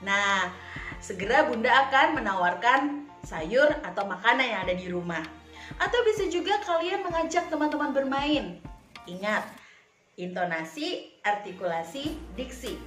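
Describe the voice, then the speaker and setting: A woman teacher giving a lesson to children, speaking clearly and deliberately with lively expression. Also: on the high side, soft background music. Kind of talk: recorded online lesson for children. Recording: echoey room.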